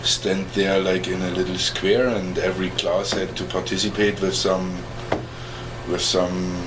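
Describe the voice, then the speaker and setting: A man in his forties from East Germany recounts his life story in an oral history interview, speaking with a German accent in a very low voice. He pauses to hunt for English words and chuckles from time to time, over a steady background noise.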